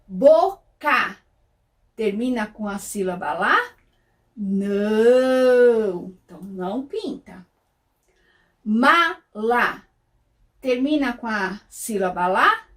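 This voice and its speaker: A woman's voice: on the high side, recorded from a distance. A Brazilian woman teaching small children in a sing-song voice, stretching out words and asking questions that she answers herself. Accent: Brazilian Portuguese. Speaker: kindergarten teacher.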